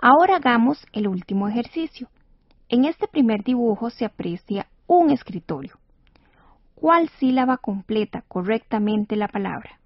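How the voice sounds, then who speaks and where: A woman teaching as a radio instructor in a scripted educational lesson, speaking patiently and clearly with encouragement. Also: on the high side, lively intonation, moderate pace, no room sound. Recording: dull dry studio radio recording.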